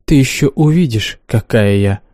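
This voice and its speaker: A man voicing a cold, scornful and domineering young woman in an audiobook, speaking calmly and mockingly. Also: medium pitch, normal speed, dry recording, clean studio sound, natural voice. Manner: calm, mocking, commanding. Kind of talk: audiobook character reading.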